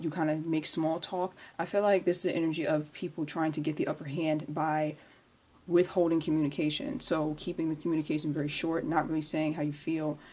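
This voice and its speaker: A woman giving a casual tarot reading at home, speaking quietly at night so as not to wake the house. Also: breathy edge. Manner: quiet, low-key speaking at night, keeping it down for sleeping housemates. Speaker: tarot reader, channel host.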